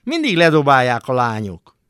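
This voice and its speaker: A man voicing a brash, cocky young male survivor who talks roughly and teasingly, in a literary radio reading. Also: medium pitch, huge pitch swings, a bit bright, no room sound, clean studio sound. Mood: boastful. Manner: rough, teasing, swears casually.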